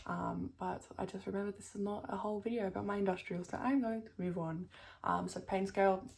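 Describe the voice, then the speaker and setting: A woman's voice: medium pitch, steady tone, fairly quick, creaky, a little mellow, slight background noise. A young woman chatting casually to camera as a vlogger, full of fillers and casual swearing, her speech a little thick from a new tongue piercing.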